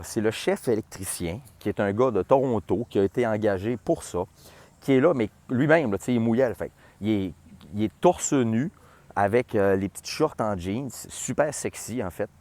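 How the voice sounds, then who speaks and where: Excitable low-voiced Quebec French man. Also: dry recording. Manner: excitable, swearing, sound effects, code-switching. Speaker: festival logistics director. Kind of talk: animated storytelling vlog.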